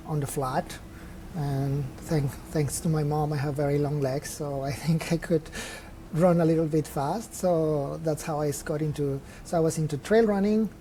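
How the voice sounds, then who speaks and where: A man's voice: on the high side, mellow, a little hiss or hum. A young man from Mexico, a trail runner guest in a casual interview, talking openly and reflectively with restarts as he thinks. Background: faint chatter of people nearby.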